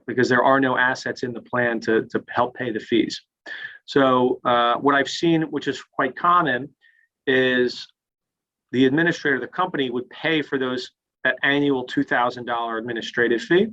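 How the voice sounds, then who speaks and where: A man's voice: mid-range voice, bright, forceful tone, lo-fi sound. Man presenting a webinar, screen-recorded call audio. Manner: plain, step-by-step, starts sentences with "so". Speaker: webinar presenter on retirement plans. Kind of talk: explaining and answering audience questions.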